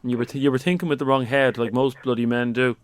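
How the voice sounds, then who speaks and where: A man's voice: medium pitch, fairly even intonation, quick pace, smooth, dry recording. Mock-serious Dublin male radio host, dry studio. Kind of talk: conversational talk radio presenting.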